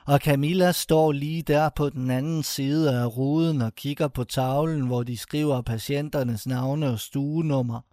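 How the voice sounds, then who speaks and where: Man, mellow voice, dry close mic, scripted first-person story reading, bitter and intense. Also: mid-range voice, steady tone, hardly any pauses, no room sound. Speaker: short-story reader.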